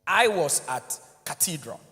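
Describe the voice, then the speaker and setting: Ghanaian preacher guy, high voice, lively jokey talk to a crowd, big echoey hall. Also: measured pace. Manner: animated, joking, code-switching, addresses audience directly. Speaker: church minister. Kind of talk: conference talk mixing English and Twi. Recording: long reverb of a large hall.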